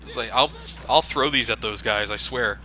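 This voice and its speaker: Music plays in the background along with loud game gunfire and action as a man commentates on a let's play. His medium-pitched voice moves at a moderate pace, casual and explanatory, with plenty of swearing.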